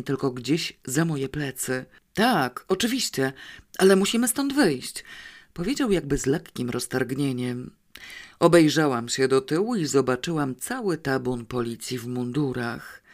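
A woman's voice: rumbling low, darkish tone. A woman reading a first-person novel aloud as an audiobook narrator, telling it with wry, ironic humour. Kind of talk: scripted narration.

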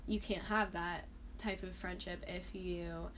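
A woman's voice: on the low side, fairly even intonation, unhurried, a bit bright. Teenage girl, podcast host, casual chat, giggly and full of fillers, faint hiss. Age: high school student. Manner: chatty, filler-heavy, giggly.

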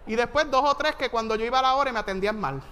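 Man, Puerto Rican accent, very high voice, bright ringing tone, voice teacher, humorous motivational talk, animated, loud outbursts. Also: rapid-fire, slight background noise. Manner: animated, joking, with sudden loud exclamations. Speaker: voice teacher and keynote speaker. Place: large venue with a big audience of teachers.

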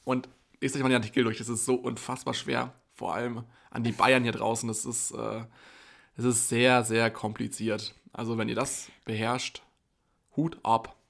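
A man's voice: mid-range voice, little pitch movement, normal speed, vocal fry, a bit bright. A young man hosting a casual podcast, joking around and addressing his listeners directly. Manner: jokey, speaks to listeners directly. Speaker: podcast host. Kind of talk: casual chat.

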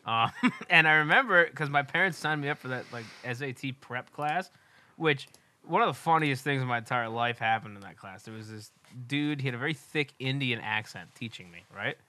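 A man's voice: medium pitch, brisk, pushed and bright. A young man co-hosting a podcast, chatting casually and telling stories in a loose, joking way. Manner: loose, joking storytelling with laughs. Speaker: podcast co-host. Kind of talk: casual chat.

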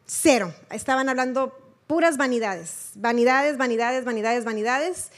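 High-voiced woman preaching. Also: normal speed. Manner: earnest, conversational, repeats words for emphasis. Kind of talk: testimony sermon.

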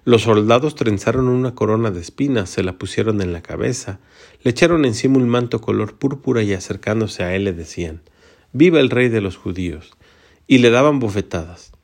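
Man reading the gospel, lowish voice, slow and solemn, liturgy style. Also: gravelly. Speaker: scripture reader.

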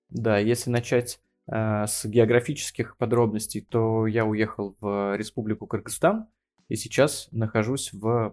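A man's voice: fairly low pitch, darkish tone. A man in his thirties from Russia, a geography teacher talking as a podcast guest, hesitant and full of fillers. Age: 30s. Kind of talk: casual interview.

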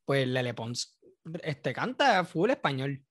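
A man's voice: medium pitch, very animated, slow, a bit bright, no room sound, studio quality. A man with a Puerto Rican Spanish accent hosting a casual podcast, reacting loosely and profanely and laughing often. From Puerto Rico. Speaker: podcast host.

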